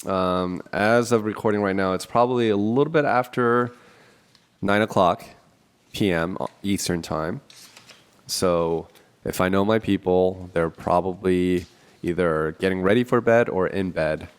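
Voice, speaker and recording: Low-pitched and measured, this man's voice has a clear, resonant tone despite sounding nasal and stuffy. He hosts a casual solo podcast with phone calls from a small office, chatty, self-deprecating and quick to laugh.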